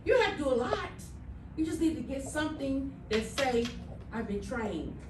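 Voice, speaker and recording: With a high, very animated voice at normal speed, a teacher gives emphatic instruction to middle schoolers and checks in with them often. The mic is far off in an echoey room with background noise.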